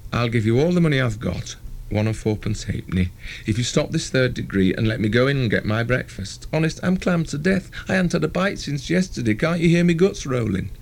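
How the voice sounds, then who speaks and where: A man voicing a cocky working-class teenage lad, quick and mocking with feigned innocence. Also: medium pitch, lively intonation, gravelly, pitched above the performer's own voice. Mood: cheeky.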